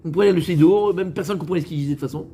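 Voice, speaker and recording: French rabbi, high male voice, chatty joking sermon, addresses the crowd directly. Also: very fast, mellow, slight background noise. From France. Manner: joking, conversational, talks straight to listeners; mixes in Hebrew religious words. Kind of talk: lively sermon to a live audience.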